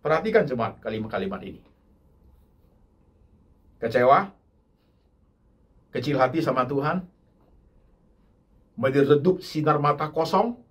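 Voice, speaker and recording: An older man preaching a sermon as pastor, his voice husky, going from low murmurs to loud emphatic repeated lines and dropping in English words. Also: expressive, measured pace, pauses often.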